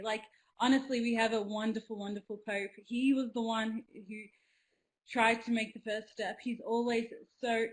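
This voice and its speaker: A woman's voice: a little high, poor audio. A young woman from Australia speaking casually on a webinar video call, earnest and enthusiastic, with many ums and restarts. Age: young adult. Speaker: youth representative. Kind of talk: webinar talk. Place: indoors at home, small room.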